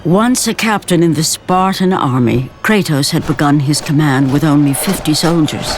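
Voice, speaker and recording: A woman's voice: sits low, normal speed, background noise, close to an everyday voice. Woman as grave epic game narrator. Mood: grave, solemn. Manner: grave, dramatic. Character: grave storyteller of a Greek myth. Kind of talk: solemn scripted epic narration for a video game. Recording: loud music under the narration. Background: loud game score.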